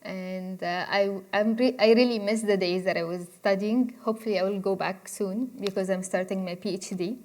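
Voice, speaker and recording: A woman's voice: medium pitch, fairly even intonation, moderate pace, hardly any pauses, a little mellow. A woman, giving a conversational university lecture and inviting the audience to interrupt with questions. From Egypt. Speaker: guest speaker.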